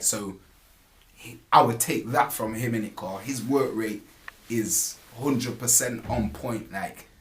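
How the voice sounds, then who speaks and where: A male rapper with a Nottingham accent chats casually in an interview. His voice sits at a medium pitch. He speaks in street slang and keeps adding little tag questions to the ends of his phrases. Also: a little hiss or hum. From Nottingham, England. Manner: repeatedly tags phrases with "you get me" and "innit".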